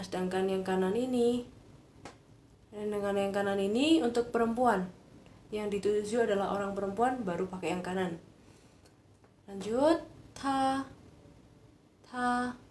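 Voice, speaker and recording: A woman's voice: mid-range voice, a little mellow, echoey room, slight background noise. A woman teaching a live online Mandarin lesson, patiently explaining and answering viewer questions. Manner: patient, reads out viewer questions, frequent "sorry".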